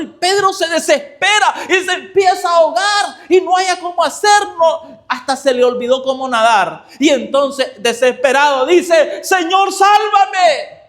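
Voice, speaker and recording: A man preaching a sermon, telling a story with animated rhetorical questions to his congregation. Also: very high-pitched.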